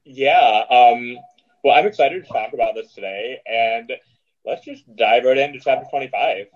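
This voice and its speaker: A man's voice: mid-range voice, moderate pace. A man co-hosting a casual book podcast, muffled as if talking underwater through a headset. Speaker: podcast co-host.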